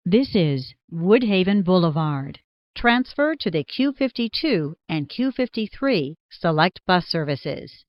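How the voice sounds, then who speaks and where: A woman making formal, measured train station announcements, her recorded words spliced together one by one. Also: on the low side, big pitch swings, no echo. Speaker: transit announcer. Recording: dull lo-fi recording.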